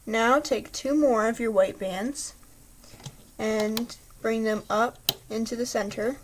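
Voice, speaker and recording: A woman's voice: a little high, fairly even intonation, takes it slowly, noisy background. A woman patiently talking through a step-by-step craft tutorial, chatty, with small slips, apologies and a slightly throaty voice.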